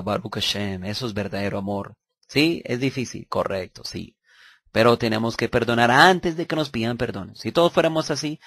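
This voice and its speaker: Creaky, husky-voiced man teaching a religious lesson. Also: medium pitch, fairly bright tone, no echo. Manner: reads a long list briskly with frequent stumbles and self-corrections; explanatory, checks in with listeners.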